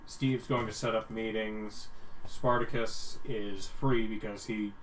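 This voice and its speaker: A man's voice: on the low side, fairly even intonation, slow pace, echoey room. A man casually narrating a tabletop game as game master. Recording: distant mic with faint background noise.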